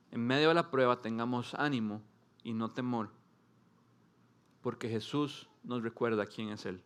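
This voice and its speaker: A man preaching a sermon to a congregation, speaking in short emphatic phrases with dramatic pauses and at times rising into animated storytelling. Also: medium pitch, smooth. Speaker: pastor. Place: church service before a congregation.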